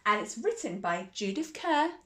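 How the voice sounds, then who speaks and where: Reading a bedtime story to young listeners, this storytime host is exuberant and sing-song, repeating phrases often. She has a very animated mid-range voice that sounds pushed and bright, at a moderate pace.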